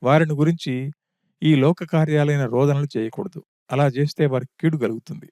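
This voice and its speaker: A man's voice: a little high, dry recording, studio quality, lightly acted. A man reading a wise monkey counselor consoling. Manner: steady, sermon-like reasoning.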